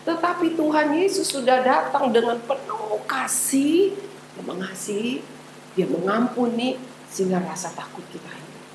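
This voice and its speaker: A woman giving a gentle devotional talk to children, often asking them questions and adding a soft "ya" to her sentences. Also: on the high side, expressive, moderate pace. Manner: gentle, asks children questions, frequent tag "ya". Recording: roomy echo, faint background noise.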